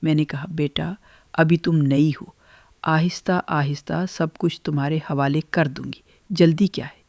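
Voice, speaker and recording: An older woman telling her own family story in the first person, in a measured, gentle way. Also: deep voice, fairly even intonation, no echo, studio quality.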